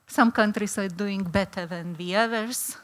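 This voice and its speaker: Her voice is medium-pitched and a bit bright, her pace measured. She's a middle-aged, Lithuanian-accented academic presenting at a conference, hesitating often with many fillers and restarts.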